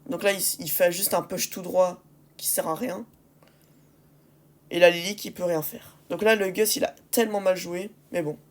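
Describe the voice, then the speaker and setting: A woman's voice: lowish voice, fairly even intonation, moderate pace. Exasperated woman commentating on gameplay. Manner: exasperated, ranting at teammates; repeats phrases and rhetorical questions for emphasis. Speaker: gaming video creator commentating on match replays.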